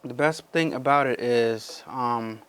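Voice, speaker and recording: An embroidery channel host with a medium-pitched, unhurried voice walks viewers through a casual how-to, chatting as he works and often calling them "guys." An embroidery machine runs in the background, adding sewing machine noise to the recording.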